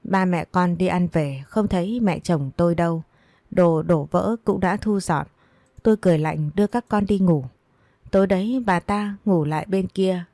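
A woman's voice: fairly low pitch, mellow, no room sound. A woman narrating a first-person family drama story, her retorts cutting and defiant.

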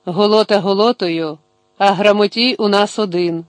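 A man's voice: high-pitched, fairly even intonation, moderate pace, no room sound, lightly acted. A man playing a mocking lordly boyar. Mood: teasing. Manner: teasing, commanding. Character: middle-aged male boyar, mocking and lordly.

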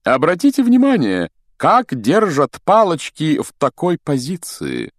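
A man's voice: a little high, huge pitch swings, unhurried, no echo, studio quality, pitched above the performer's own voice, heavily acted. A man voicing a vain, theatrical male wizard teacher who talks in a grandiose, self-admiring way. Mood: pompous, showy. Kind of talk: audiobook character voice.

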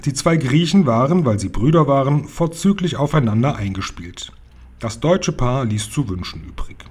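A man reading a children's novel aloud in a relaxed way, with small slips and his own asides. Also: medium pitch, moderate pace, slightly rough. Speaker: reader of a children's book.

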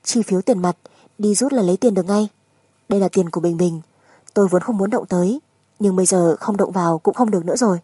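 A woman narrator plays a wife who has made up her mind in a dramatic audiobook. Her voice is mellow and slightly husky, recorded very dry. She stays composed, firm and insistent. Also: mid-range voice, fast, dry recording, natural voice. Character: resolute, composed young wife demanding a divorce.

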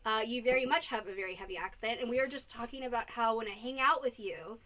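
A woman in her thirties with a Michigan accent hosting a casual podcast chat, loud, giggly and animated. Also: fairly high pitch, fast talker. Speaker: podcast host.

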